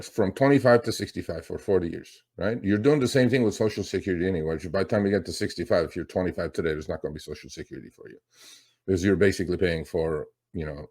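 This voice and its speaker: A man's voice: low-pitched, a little mellow. A middle-aged man hosting a finance show, talking casually and rambling, with many fillers and restarts. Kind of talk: casual market commentary.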